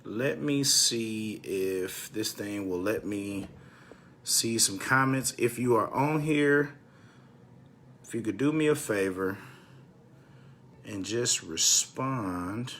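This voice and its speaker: A man's voice: lowish voice, slow, long pauses, fairly bright tone, slight background noise. A man, a bit congested, chatting casually to viewers while hosting a livestream about home businesses. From Texas, US. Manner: chatty, repeats phrases, drops off to mutter while checking phone. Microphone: phone.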